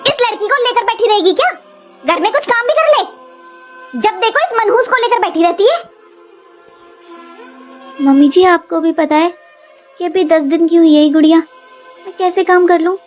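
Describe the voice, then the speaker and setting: A woman voicing Hindi cartoon family comedy dialogue, in a sharp scolding way. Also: very high voice, moderate pace, pauses often, soft background music. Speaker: cartoon voice artist doing all family roles.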